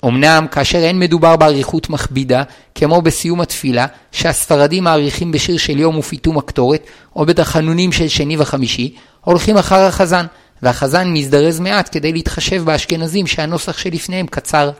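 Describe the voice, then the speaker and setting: A man reading a religious law book aloud in a measured, even, formal recitation. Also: fairly high pitch. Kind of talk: formal read-aloud of a text.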